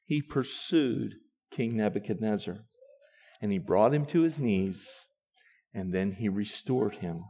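A pastor preaching a sermon to his church, swinging from quiet, low passages to loud, rising ones. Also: animated, measured pace, breathy edge.

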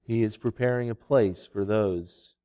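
A man preaching as a pastor, reading scripture and speaking to a congregation in a deliberate, pausing way. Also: fairly low pitch, mellow, clean tone. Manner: slow, deliberate, with long pauses.

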